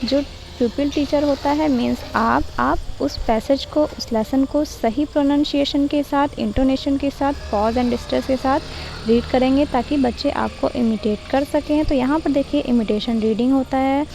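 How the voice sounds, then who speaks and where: High, mellow-voiced woman tutor. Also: fairly even intonation, creaky, rough recording. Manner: mixes Hindi and English, reads quoted English lines slowly. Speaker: teacher-training tutor. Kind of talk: explaining a lesson plan to students. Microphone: voice-over for screen slides.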